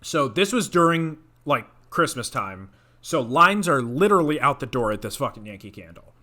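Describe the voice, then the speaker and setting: A young man co-hosting a podcast, telling a story in casual chat, animated and swearing often. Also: medium pitch, normal speed. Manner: animated, swears a lot, acts out quoted voices. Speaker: podcast co-host.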